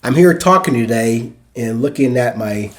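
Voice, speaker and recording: With medium pitch, lively intonation and a moderate pace, a podcast host in his sixties shares a reflective first-person story, performing the lines of dialogue as he goes.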